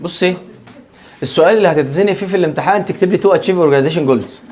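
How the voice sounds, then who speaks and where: Fast-talking Egyptian teacher, joking. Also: male voice, high-pitched. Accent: Egyptian Arabic. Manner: lively, joking, keeps checking if students follow. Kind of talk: classroom lecture.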